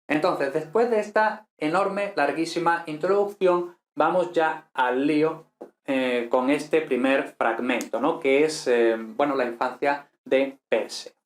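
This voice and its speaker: A man teaching Latin, explaining a text in a relaxed, chatty way with many fillers and questions tacked on at the end. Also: fairly high pitch. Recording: roomy echo.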